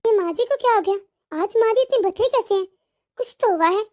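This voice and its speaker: Woman voicing a gentle, caring daughter-in-law. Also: very high-pitched, animated, brisk. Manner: gentle, reassuring. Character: kind elder daughter-in-law, caring and forgiving. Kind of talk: cartoon voice acting.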